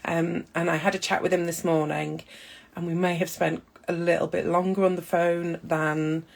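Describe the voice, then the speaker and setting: A woman's voice: fairly low pitch, creaky. A woman hosting a casual video call interview, chatty and giggly with lots of fillers. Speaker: host.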